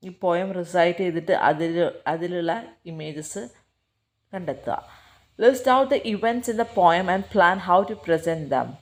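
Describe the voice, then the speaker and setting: Slow-reading Malayali woman teacher. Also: on the low side. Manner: reads English slowly and deliberately, then explains quickly. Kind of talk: textbook lesson, reading English then explaining in Malayalam.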